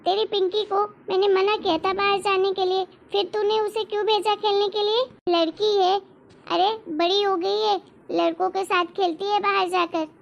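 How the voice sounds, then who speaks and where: A woman's voice: extremely high pitch, level tone, normal speed, vocal fry. A woman voicing a stern old grandmother who scolds her granddaughter and favors her grandson. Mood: scolding. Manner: harsh, scolding. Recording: dull lo-fi recording.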